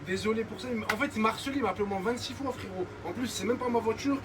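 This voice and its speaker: A man's voice: high voice, rapid-fire, noisy background. A young man, chatting casually with friends in street slang. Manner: French suburb street slang.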